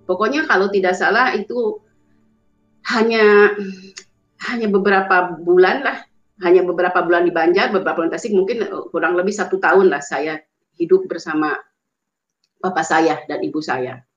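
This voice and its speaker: Woman, from West Java, personal testimony, halting speech, frequent self-corrections, echoey room, soft music behind. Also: lowish voice. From West Java, Indonesia. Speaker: testimony speaker. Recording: roomy, dull, lo-fi sound with faint music.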